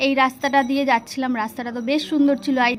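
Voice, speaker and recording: A young woman, hoarse from a cold, chatting casually through her daily vlog. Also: sits high, steady tone, very fast. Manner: chatty, breezy running commentary. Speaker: vlogger. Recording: noisy home and street ambience.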